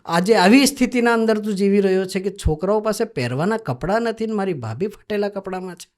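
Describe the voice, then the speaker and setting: A man's voice: high voice, fast, a little mellow, close to an everyday voice. A man voicing a tender divine king who talks through tears to an old friend. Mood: tearful. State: tearful.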